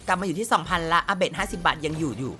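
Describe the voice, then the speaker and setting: Woman streamer, lowish bright voice, chatty and playful, casual gameplay commentary at a close mic, game music faintly behind. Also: animated, rapid-fire. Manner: chatty, playful, exclaims at the screen.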